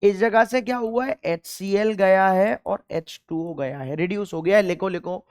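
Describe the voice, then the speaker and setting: A man's voice: sits high, moderate pace, a little mellow, clear, resonant tone. A young man teaching chemistry in an exam-focused lecture, emphatic, repeating key points and firing questions at the class.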